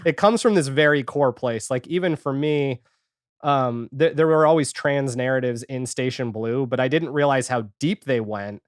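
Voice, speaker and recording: Speaking at normal speed with a medium pitch, this audio fiction creator chats openly as a podcast guest, sharing personal experiences with wry jokes at their own expense. The casual interview is recorded cleanly, studio style, with no echo.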